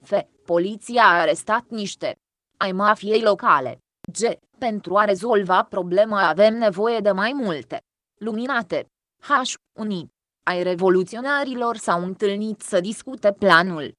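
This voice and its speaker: A woman's voice: mid-range voice, no echo. Woman reading a grammar textbook, dry sound. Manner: even, measured reading of exercises and definitions. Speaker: textbook reader. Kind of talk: reading a textbook lesson aloud.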